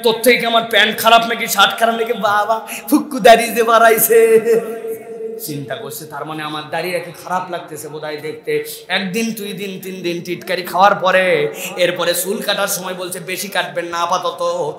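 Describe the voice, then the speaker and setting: A man preaches in a high, sharp, ringing voice, acting out stories and breaking into shouted questions and sing-song chanting. His voice carries through a reverberant hall. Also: steady tone, normal speed. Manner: dramatic storytelling, voicing characters and shouting rhetorical questions. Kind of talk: Bengali waz sermon.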